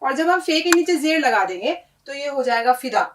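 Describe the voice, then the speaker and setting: An Urdu teacher with a high, lively voice gives a letter-by-letter language lesson at normal speed, patiently explaining, repeating and often asking "है ना?" to check in with students. The mic is distant in an echoey room, with slight background noise.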